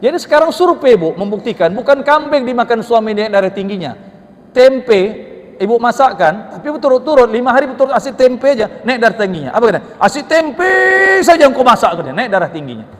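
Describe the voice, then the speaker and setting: A man with a high voice delivers a lively mosque sermon full of humor and rhetorical questions. His voice rings with the long reverb of a mosque hall. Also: fast. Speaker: preacher.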